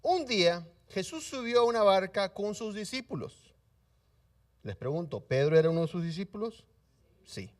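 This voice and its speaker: A male pastor preaching to his church in a fairly high voice with a very lively, wide-ranging pitch. He swings from loud, emphatic lines to hushed, almost murmured ones. He keeps asking the congregation questions and answering them himself, heard from a distant mic in the sanctuary. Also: moderate pace. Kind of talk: sermon.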